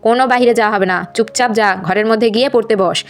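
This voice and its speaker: A woman's voice: a little high, very fast, close to an everyday voice. A woman voicing a strict mother who scolds her twin daughters in a puppet story. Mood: scolding. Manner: scolding, stern questioning.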